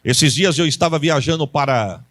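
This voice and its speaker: A Brazilian pastor with a high voice preaches in church, shifting between folksy storytelling and fervent calls to the congregation. He speaks with Brazilian Portuguese speech and leads the crowd in call-and-response. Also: normal speed, fairly bright tone, no room sound. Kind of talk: live church sermon. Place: church service with congregation and musicians.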